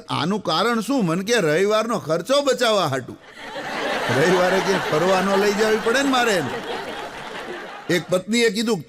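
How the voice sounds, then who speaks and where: A middle-aged man with a Kathiyawadi Gujarati accent performs as a folk comedian, spinning comic stories in a homely, conversational way. His voice sits high for a man. He keeps turning to speak directly to his listeners. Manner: folksy, chatty, addresses the audience directly. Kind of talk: live comic storytelling.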